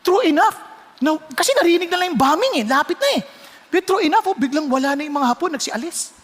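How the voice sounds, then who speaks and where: A high-pitched Filipino man preaching a sermon with big, lively swings in pitch. He switches freely between Tagalog and English and breaks into sudden loud exclamations, and his voice rings through the long reverb of a church hall. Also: quick pace. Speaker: pastor.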